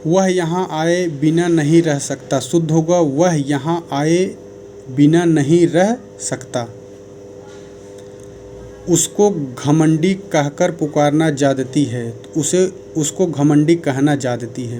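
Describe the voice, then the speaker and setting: A man's voice: fairly high pitch, warm tone, slight background noise. A man giving a grammar lesson, working through sentences one by one and correcting each. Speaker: teacher.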